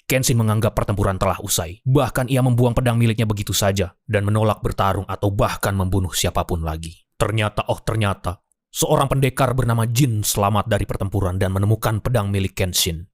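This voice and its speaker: A man's voice: lowish voice, fast talker, hardly any pauses, no echo, studio quality. A man narrating a film plot as a scripted story, in a dramatic but informal storyteller's manner.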